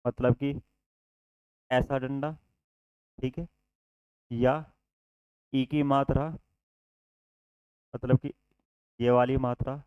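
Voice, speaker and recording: A man's voice: mid-range voice, little pitch movement, very slow, long pauses, smooth, dry recording, muffled recording. A man teaching a Hindi lesson for exam preparation. He explains each point step by step, often asks his students a question and answers it himself, and keeps saying "okay" to check they follow. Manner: addresses students as children, repeats "ठीक है". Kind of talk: online exam-prep lesson.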